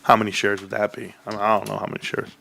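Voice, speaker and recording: Gravelly excitable man streaming. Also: racing, a little hiss or hum. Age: 40s. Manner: hyped, swings into high excited bursts, then low muttering; calls viewers bros and guys. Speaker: stock livestream host. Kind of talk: casual livestream chat.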